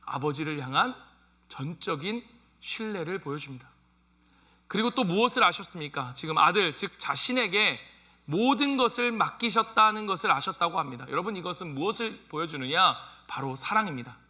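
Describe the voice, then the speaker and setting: A man's voice: sits high, normal speed. A male pastor preaching a sermon, asking the congregation questions and acting out lines from his family life. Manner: animated, asks the congregation questions, acts out family quotes.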